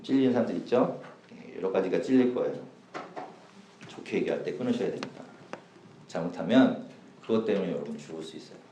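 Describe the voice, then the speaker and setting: A man gives a casual sermon to young adults, chatting and joking with them, his voice mellow and his pitch rising and falling in lively swings. It is picked up from some distance in an echoey church hall, with faint noise behind. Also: brisk, long pauses. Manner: chatty, jokes with the audience, swings loud and soft. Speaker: youth pastor.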